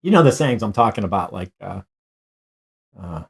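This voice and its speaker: A man's voice: on the low side, big pitch swings, moderate pace, gravelly, slightly rough. Rambling man hosting a casual live show. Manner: rambling, many hesitations and restarts. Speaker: co-host of a live online show. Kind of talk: casual live-stream chat.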